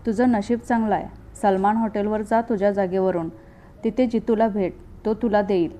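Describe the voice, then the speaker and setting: A woman's voice: mid-range voice, steady tone, normal speed, warm tone, slight background noise, close to an everyday voice. A woman reading the lines of a blunt male drug-dealer friend in a story, in her own plain voice. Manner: blunt, crude.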